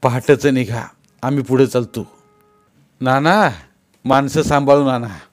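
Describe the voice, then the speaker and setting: A man's voice: fairly high pitch, little pitch movement, takes it slowly, clean tone, pitched above the performer's own voice. A man voicing a commanding old village elder. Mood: urgent commands. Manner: firm, commanding, urgent. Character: steadfast older village pilgrim leader.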